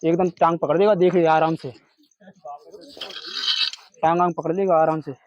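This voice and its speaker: A young man works a snake rescue outdoors at night, his fairly high voice dropping to a soft coaxing murmur as he calms the animal. The recording is dry and slightly dull. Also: normal speed, no echo. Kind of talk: narrating a live snake rescue.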